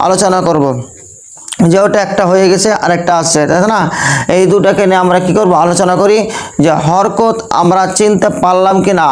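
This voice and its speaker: A man's voice: sits high, low-quality recording. A young Bangladeshi man teaching Quran recitation to a class, repeating each point and asking his students rhetorical questions. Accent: Bangladeshi Bengali. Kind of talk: classroom lesson with call-and-response.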